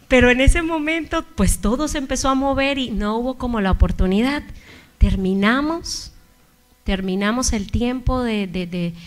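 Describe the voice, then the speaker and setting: A woman preaching a sermon, telling a personal testimony and acting out the dialogue in it, at times rising to loud emphasis. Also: mid-range voice. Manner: storytelling, acting out dialogue with God. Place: church.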